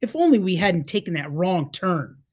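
A woman's voice: on the low side, very animated, moderate pace, a little mellow, husky. A woman reading aloud, voicing an exasperated, gloomy schoolboy. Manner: frustrated, sighing.

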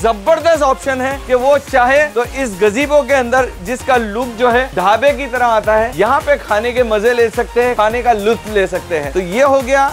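A man's voice: very high-pitched, moderate pace, few pauses, soft background music. A middle-aged man hosting a food vlog, walking through a restaurant and describing it with eager, polite phrasing. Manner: enthusiastic, Urdu-flavored polite phrasing. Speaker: food vlogger host. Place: restaurant, indoors and on street outside.

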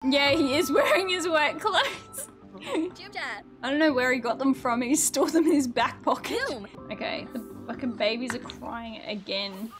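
A woman streaming a life sim game, chatting casually, swearing a lot and laughing loudly. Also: high-pitched, lively intonation, a little slow, music in the background. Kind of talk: casual gameplay commentary.

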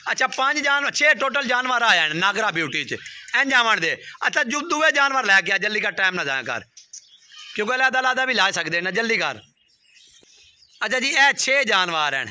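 A man hosting a casual outdoor video and haggling in a brisk, bossy way. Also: sits high, very animated, sharp tone. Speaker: livestock dealer and video host. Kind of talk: casual on-camera bargaining. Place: outdoor farmyard.

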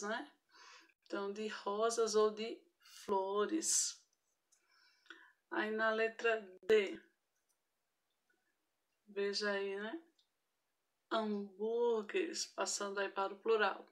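A woman with a Brazilian accent, teaching an online grammar lesson to primary school children, patient and careful, checking in often with short tag questions. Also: medium pitch. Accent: Brazilian Portuguese. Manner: patient, frequent tag questions, spells out each example.

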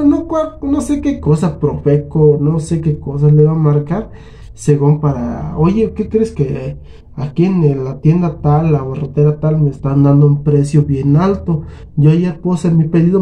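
Dark-voiced Mexican man telling a story. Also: a little high. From Huasteca region of Mexico. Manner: animated retelling, acting out both sides of an argument; colloquial, swears freely. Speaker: channel host. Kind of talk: casual storytelling vlog.

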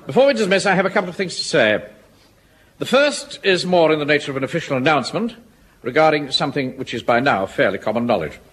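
Pompous Captain Mainwaring. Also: male voice, a little high, expressive, quick pace, fairly bright tone, husky. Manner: pompous, blustering, self-important. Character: pompous middle-aged male Home Guard captain. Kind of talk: 1970s radio sitcom acting.

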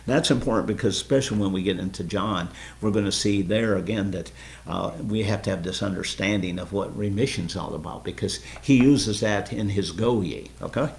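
Low, gravelly-voiced man as an earnest Bible study leader who explains and quizzes his group. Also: fairly quick, a little mellow, slight background noise. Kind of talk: informal Bible study teaching.

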